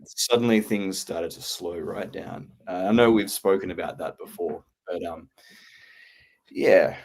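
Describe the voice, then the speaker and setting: A man with a New Zealand accent, a podcast co-host, speaking in a measured, reflective way with pauses. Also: sits low, darkish tone. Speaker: podcast co-host and channel creator. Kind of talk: casual roundtable chat.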